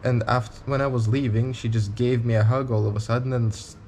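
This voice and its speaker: A man's voice: mid-range voice, fairly even intonation, a little fast, a little mellow, slight background noise. Candid young man rambling in a vlog. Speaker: touring cyclist vlogger. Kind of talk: casual vlog talk to camera.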